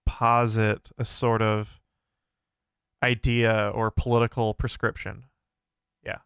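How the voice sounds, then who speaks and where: A young man with a medium-pitched, somewhat nasal voice hosts a philosophy livestream, responding to chat questions thoughtfully and casually, with frequent fillers and restarts. His tone is fairly bright and smooth, and the recording is dry, of studio quality.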